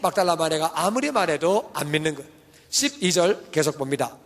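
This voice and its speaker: A man preaching a sermon as pastor, lively and colloquial, repeating emphatic refrains. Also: fairly high pitch, brisk. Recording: long church reverb.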